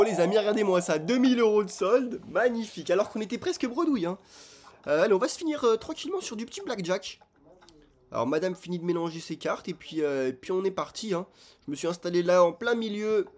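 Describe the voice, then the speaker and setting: Male casino streamer, excitable and chatty, casual commentary aimed at viewers. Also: high-pitched, noisy background. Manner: excitable, talks straight to viewers.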